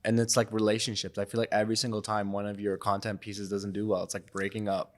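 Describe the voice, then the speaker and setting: A man's voice: lowish voice, level tone, quick pace, slight background noise. A young man from Iraq, a photographer and podcast guest, speaking in a reflective, loose, conversational way. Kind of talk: casual interview talk.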